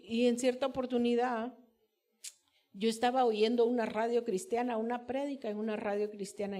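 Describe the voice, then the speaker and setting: A woman pastor preaching a fervent sermon at a women's conference, reading Bible verses slowly and building to loud, emphatic passages. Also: fairly high pitch. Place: church.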